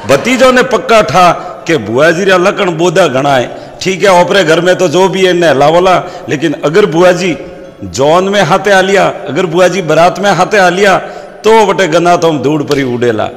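A man's voice: high-pitched, lively intonation, moderate pace. A man with a Rajasthani accent, a comedian telling folksy comic stories, quoting proverbs and voicing characters. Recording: long hall reverb.

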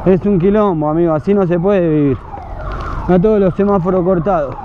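A man's voice: sits high, brisk. Argentine man on a noisy motorcycle cam. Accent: Rioplatense Spanish. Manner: urgent, shouting commands in the street. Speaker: motovlogger. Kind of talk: helmet-cam motorcycle vlog. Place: city street outdoors, riding a motorcycle. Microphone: helmet camera mic. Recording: muffled, with loud traffic noise.

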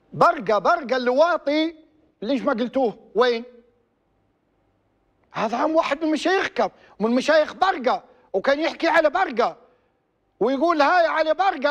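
A man's voice: extremely high pitch, lo-fi sound. A man with a Libyan accent hosting a TV program, giving heated political commentary full of rhetorical questions. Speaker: TV program host.

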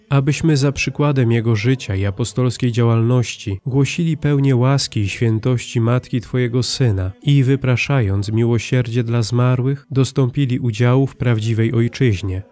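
A man reading a scripted account of a saint's life in an even, solemn manner, closing with a prayer. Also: medium pitch. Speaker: narrator.

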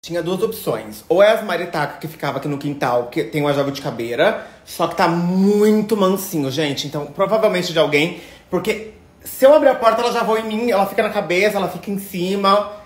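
A young Brazilian man, chatting on casual phone stories and coaxing a pet in a sweet, expressive voice, indoors at home. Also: sits high, fairly quick. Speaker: influencer. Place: indoors at home, apartment rooms. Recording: echoey room.

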